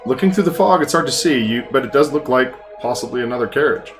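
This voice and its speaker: A man narrating a tabletop game as game master, improvising descriptions and halting as he searches for words. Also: mid-range voice, lively intonation, music in the background.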